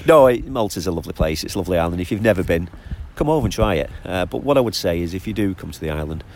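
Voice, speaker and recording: A man's voice: low-pitched, animated, racing, hardly any pauses, darkish tone. A middle-aged man with a Lancashire accent chatting casually and enthusiastically, telling stories at length. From Lancashire, northern England. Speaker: interview guest, expatriate football fan living on an island. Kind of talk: casual chat. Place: outdoors by the sea. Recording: outdoor recording with clear traffic and ambient noise.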